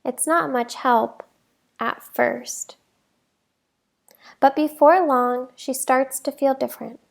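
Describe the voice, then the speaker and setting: Her voice high-pitched and creaky, a woman in a teacher's role reads a picture book to young children. The phrasing is deliberate and emphatic, and the delivery is expressive.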